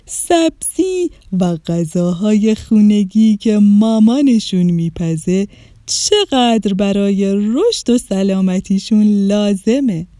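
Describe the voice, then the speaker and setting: A woman voicing an ancient, kind vinegar in a storybook, soothing and gentle. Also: medium pitch, no echo, clean studio sound, natural voice. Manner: warm, soothing, slow.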